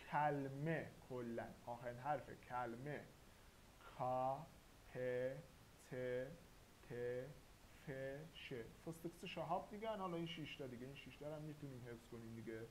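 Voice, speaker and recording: A man teaching a grammar lesson, slow and deliberate, spelling out sounds one by one. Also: mid-range voice, rough recording. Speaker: language teacher. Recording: faint hiss.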